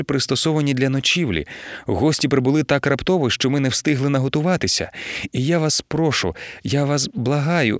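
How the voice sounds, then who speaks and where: A man's voice: on the high side, dry recording, studio quality, pitched above the performer's own voice, lightly acted. A man reading an audiobook, voicing a fussy, overly polite middle-aged mother-in-law who pleads and apologizes.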